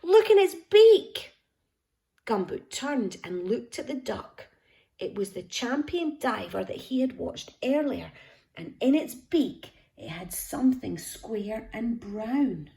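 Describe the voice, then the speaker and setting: Woman, storybook read-aloud; slow, lively pitch, slightly gravelly. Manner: expressive, dramatic hushed whispers; affectionate toward listener. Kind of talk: reading a picture book aloud.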